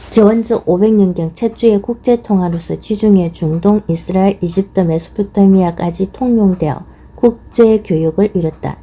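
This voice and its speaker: Dark husky-voiced woman reading aloud. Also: medium pitch, poor audio. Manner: measured, steady reading. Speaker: audiobook reader. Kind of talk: scripted narration of a nonfiction book.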